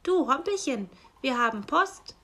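A woman's voice: very animated, measured pace, bright, forceful tone, full character voice. Woman doing a mewing tomcat. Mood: happy. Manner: high voice with meows. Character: male house cat, mewing.

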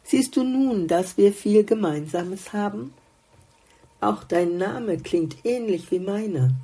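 A kindly little blue flower from a storybook, speaking patiently and explaining things with gentle wisdom, as a woman puts her on. The voice sits higher than the teller's own and keeps a husky, slow, unhurried flow. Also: lively intonation, heavily acted.

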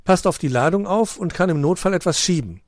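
Man voicing an eager storybook dog kid, raised pitch, bright and excited, for a children's tale. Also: a little fast, no echo, clean studio sound. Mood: bossy. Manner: excited, persuasive. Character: eager young male dog schemer.

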